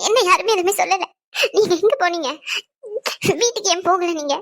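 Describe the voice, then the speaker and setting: A woman's voice: very high voice, steady tone, moderate pace, fairly bright tone. A woman voicing a tearful frightened young wife. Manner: pleading, tearful.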